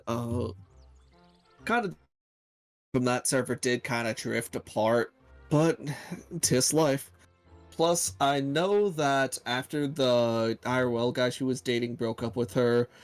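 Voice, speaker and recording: A man's voice: medium pitch, steady tone, slow pace, clean tone, soft background music. A man playing a video game on a friend's stream, chatting casually and telling rambling stories. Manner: rambling storyteller. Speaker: guest player. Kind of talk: casual let's-play chat.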